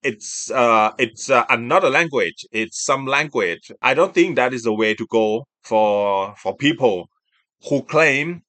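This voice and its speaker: A man chatting casually as a video host, giving his opinions in a halting, emphatic, repetitive way. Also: mid-range voice, pushed and bright, no room sound. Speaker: host of a self-recorded video.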